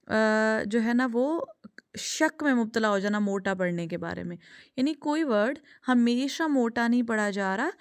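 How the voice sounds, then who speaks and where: A woman's voice: fairly high pitch, darkish tone, no room sound, studio quality. A woman teaching children Quran recitation rules, patiently repeating sounds and asking questions that she then answers herself. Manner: asks checking questions and answers them herself. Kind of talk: tajweed lesson for children.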